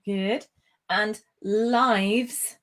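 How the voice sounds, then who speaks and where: A woman's voice: medium pitch, fairly even intonation, a bit bright. Encouraging woman teaching pronunciation. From Britain. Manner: encouraging, praising and correcting slowly. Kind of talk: online speaking lesson.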